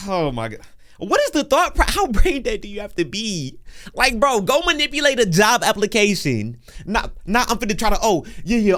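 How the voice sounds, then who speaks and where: A man giving casual live reaction commentary, with loud, animated interjections. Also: sits high. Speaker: reaction streamer.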